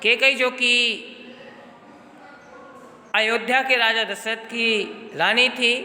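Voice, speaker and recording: A man teaching a poetry lesson, his voice high and very bright, unhurried and deliberate as he goes through the meaning of each word. The sound is a roomy, echoing space with a long tail of reverb behind every phrase. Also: fairly even intonation. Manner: measured, explanatory, glosses words one by one. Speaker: Hindi teacher. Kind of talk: recorded lesson explaining a poem. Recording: echoey room with long reverb.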